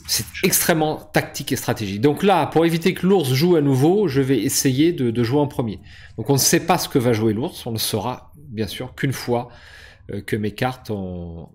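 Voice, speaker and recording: A man's voice: medium pitch, darkish tone. A man hosting a board game session, casually explaining rules and moves with frequent hesitations and restarts. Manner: hesitant, many fillers and restarts. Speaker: board game channel host.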